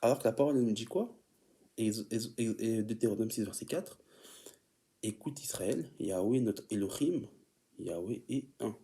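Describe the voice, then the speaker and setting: A man's voice: fairly low pitch, normal speed, creaky, dark tone. A man preaching an informal teaching sermon, often stumbling and repeating words as he reads definitions aloud and calls his listeners beloved.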